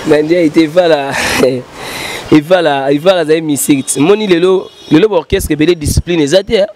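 This interviewed musician, a man in his thirties, has a voice on the high side with a darkish tone. Outdoors on a studio set with a painted backdrop, he gestures broadly and tells fast, rambling stories in French and Lingala into the interviewer's handheld mic. Slight background noise.

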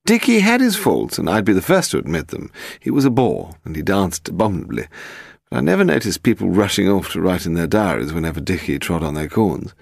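A man reading an audiobook voicing a frail, sharp-tongued aristocratic woman in her eighties with a high, imperious voice. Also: sing-song, fairly quick, creaky, no room sound, clean studio sound, exaggerated voice. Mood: dismissive. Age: 80s.

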